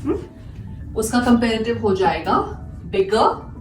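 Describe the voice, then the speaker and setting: This grammar lesson, given classroom-style, comes from a woman whose voice is highish, animated, slow and a little mellow. She patiently questions and answers herself and repeats examples; the recording is echoey and distant, with faint music.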